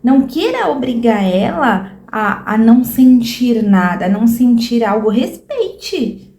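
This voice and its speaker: Brazilian woman, mother giving parenting advice, fairly high voice, emphatic, echoey room. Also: very animated, unhurried, creaky, dark tone. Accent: Brazilian Portuguese. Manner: emphatic, keeps asking "entendeu?" and posing rhetorical questions. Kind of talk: casual advice talk to camera.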